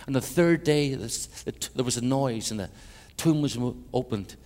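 Irish guest preacher, mid-pitched man, dramatic loud-to-hushed delivery, long church reverb. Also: expressive, moderate pace. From Ireland. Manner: dramatic, swings between loud emphatic peaks and hushed low passages; wry humorous asides. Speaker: guest preacher, minister to Europe. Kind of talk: evangelistic sermon with personal testimony. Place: large church sanctuary.

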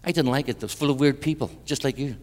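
An Irish man preaching an evangelistic sermon with personal testimony in a large church, swinging between loud emphatic peaks and hushed passages, with wry humorous asides. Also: mid-range voice, quick pace, slight background noise. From Ireland. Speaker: guest preacher, minister to Europe. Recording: church hall with long reverb.

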